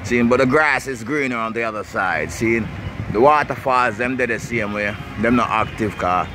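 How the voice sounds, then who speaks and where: A man's voice: medium pitch, normal speed. Jamaican man, Rasta speech, noisy outdoor recording. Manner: rambling and repetitive, with tags like 'see', 'you know', 'blessed love'. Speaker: vlogger. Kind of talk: casual walking-tour commentary in Jamaican Patois with Rasta speech. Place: outdoors in a city park beside busy streets. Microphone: handheld camera while walking. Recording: noisy outdoor camera audio with traffic ambience.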